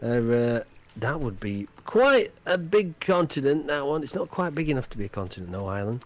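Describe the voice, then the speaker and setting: A man's voice: mid-range voice, big pitch swings, fairly quick. A man hosting a chat quiz on a live game stream, playful and teasing, with jokey asides between questions.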